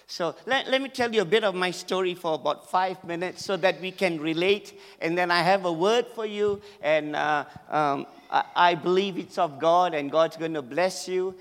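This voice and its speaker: A man with a Malaysian English accent, originally from Malaysia, preaching as a guest in church, excitable and over the top with frequent laughter. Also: a little high. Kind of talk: sermon. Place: church hall. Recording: echoey church hall with long reverb.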